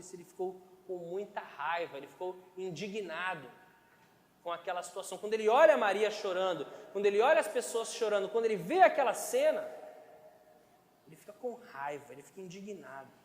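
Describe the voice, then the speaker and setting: A man with a fairly high voice delivers a conversational sermon, checking in with his congregation as he goes. He is recorded in a church hall, so the sound is roomy and echoey. A long reverb trails after his phrases. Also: animated, a little fast. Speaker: pastor.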